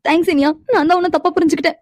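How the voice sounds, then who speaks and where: A woman's voice: very high voice, steady tone, rapid-fire, darkish tone, no echo, studio quality. A woman voicing an earnest, emotional young woman in a cartoon, an older-sister figure who speaks gratefully. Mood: tearful. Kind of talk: animated cartoon dialogue.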